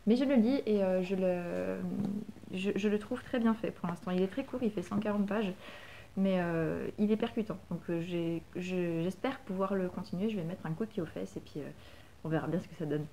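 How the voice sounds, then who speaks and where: A young woman with a French accent chats casually through her latest book purchases. Her voice is mellow and warm, pitched in a middle range. She talks like a tired new mother, full of fillers and restarts. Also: slight background noise. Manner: chatty, many fillers and restarts. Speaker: book vlogger. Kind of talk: casual book haul chat.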